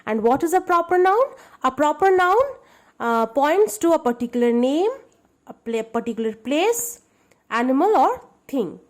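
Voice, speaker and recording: A woman's voice: high voice, very animated, moderate pace. A woman teaching a grammar lesson to schoolchildren, explaining patiently and checking that they understand.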